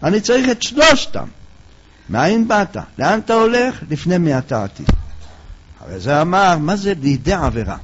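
High-voiced male preacher telling parables. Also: very animated, a little hiss or hum. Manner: storytelling, acting out dialogue. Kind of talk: sermon with parables. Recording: dull lo-fi recording.

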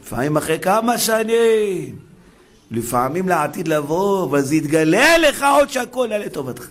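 A man preaching an emotional sermon on faith, fervent and dramatic, moving between loud calls and hushed pleading. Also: high-pitched, big pitch swings. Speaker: religious preacher.

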